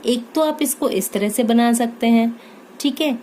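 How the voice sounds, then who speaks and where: A woman with an Indian accent teaching shorthand step by step, spelling out each word sound by sound and pausing often to check understanding. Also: a little high, dark tone, a little hiss or hum, rough recording. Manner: slow and deliberate, spelling out words sound by sound, frequent "ठीक है" checks. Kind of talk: step-by-step tutorial.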